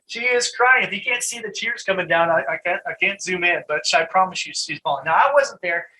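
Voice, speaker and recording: A middle-aged man giving a live online training talk, conversational and animated, often laughing and restarting his sentences. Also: high voice, brisk, a little hiss or hum, low-quality recording.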